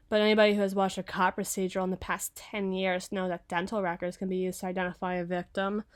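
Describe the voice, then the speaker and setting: In an ASMR roleplay, a woman plays a sardonic young detective with a sharp, obsessive edge. Her natural-sounding voice stays at an ordinary middle pitch as she teases sarcastically and dwells on morbid details.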